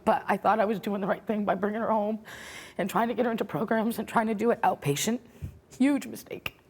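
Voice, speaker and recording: A middle-aged woman with a medium-pitched, slightly rough voice speaks briskly as a talk show guest. Her emotional testimony is earnest and regretful, shifting to defensiveness when she is challenged.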